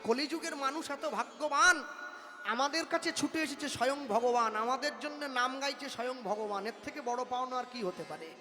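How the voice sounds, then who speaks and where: A man's voice: very high voice, moderate pace. A man preaching a devotional sermon, delivering it in an impassioned, rhythmic, declamatory way. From West Bengal, India. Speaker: kirtan preacher. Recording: reverberant hall with faint music.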